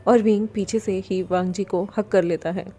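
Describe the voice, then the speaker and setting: A woman narrates a romance story with a steady, even delivery. Her voice is mellow and warm, at a middle pitch. She reads at an easy pace. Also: normal speed. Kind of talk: fan fiction story narration.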